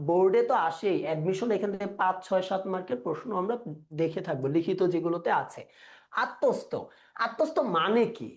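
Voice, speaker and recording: A male teacher, running a live online exam-prep class. He quizzes the students and repeats words slowly to drill their pronunciation. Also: sits high.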